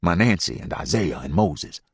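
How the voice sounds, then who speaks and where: Man doing a grieving runaway father, low. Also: lively intonation, slightly rough, dry recording, clean studio sound, full character voice. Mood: anguished. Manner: broken grammar, halting, hushed.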